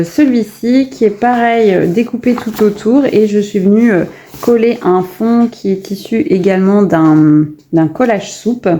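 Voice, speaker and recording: A woman's voice: mid-range voice, mellow, slight background noise. A woman casually showing her finished coloring pages in a vlog, chatty and full of hesitations and restarts. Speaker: coloring vlogger. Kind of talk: casual show-and-tell vlog.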